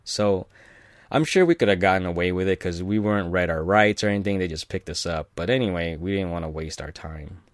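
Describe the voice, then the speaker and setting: A man's voice: low voice, a little fast, no room sound, clean studio sound. A man from California telling a personal story in a loose, rambling way, with many fillers, restarts and chuckles. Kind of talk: casual personal anecdote.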